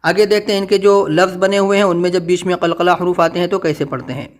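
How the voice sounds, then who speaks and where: High-voiced man teaching Quran reading. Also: steady tone. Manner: slow drawn-out recitation of syllables; patient, repetitive drilling. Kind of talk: spelling-out tajweed lesson.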